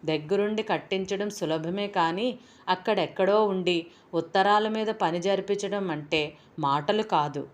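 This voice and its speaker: A woman narrating a novel aloud as an audiobook, with measured, emotive storytelling. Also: mid-range voice. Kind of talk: dramatic reading of a novel.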